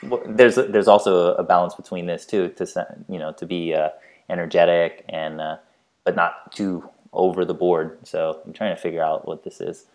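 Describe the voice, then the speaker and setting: A man's voice: low voice, steady tone, moderate pace. A man co-hosting a podcast in casual chat, thoughtful and hesitant with fillers. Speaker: podcast co-host.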